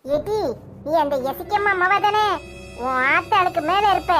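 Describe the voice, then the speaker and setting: A woman's voice: very high voice, moderate pace, soft background music. A woman voicing a scolding old grandmother with a Tirunelveli accent. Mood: contemptuous. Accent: Tirunelveli Tamil. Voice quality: harsh, sharp-tongued scolding. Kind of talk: cartoon voice acting.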